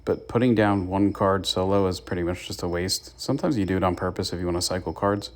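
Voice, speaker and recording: Deep-voiced and quick, a young man runs his gaming channel with casual play-by-play. He's chatty and keeps offering tips to his viewers.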